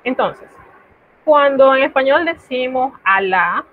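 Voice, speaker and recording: A woman's voice: high voice, lively intonation, takes it slowly. A woman teaching a French lesson, explaining step by step in a patient way and pronouncing each example with care. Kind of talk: recorded online class lesson. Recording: tinny lo-fi phone-like audio.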